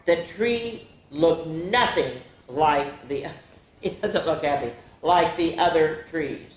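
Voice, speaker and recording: In an echoey room with faint noise behind her, a woman hosts storytime for young kids, reading picture books aloud. Her voice is low and animated, and she moves slowly and deliberately, chatting with listeners between lines.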